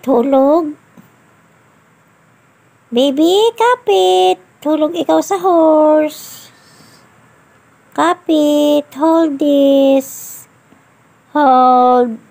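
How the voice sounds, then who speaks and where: A woman, a babysitter filming herself as she coos and hushes a toddler in soft baby talk that drifts into English. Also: high voice, creaky. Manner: mixes English words into her talk. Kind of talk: vlog, talking to a toddler.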